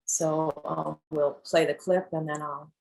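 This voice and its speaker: A woman filmmaker introducing clips from her documentary on a video call, pausing often with fillers. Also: deep voice, fairly even intonation, creaky, low-quality recording. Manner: hesitant, many fillers. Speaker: filmmaker presenting her work. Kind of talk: hesitant art-talk presentation.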